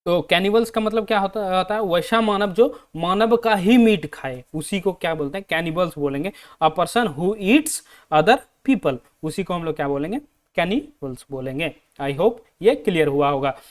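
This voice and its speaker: An Indian man with a Hindi accent, teaching an exam-prep lesson in Hindi and English. He asks his own questions and answers them, and reads the English sentences out slowly. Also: high-pitched, expressive. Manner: repeats questions to students and answers them himself.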